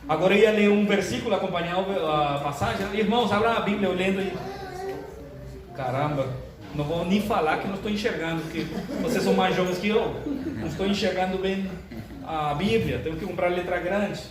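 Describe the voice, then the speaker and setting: An older man, a pastor, opening his sermon with jokes in a chatty, animated way. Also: high-pitched, a little fast, a crowd in the background. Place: church sanctuary. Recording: echoey church hall, distant mic, room noise.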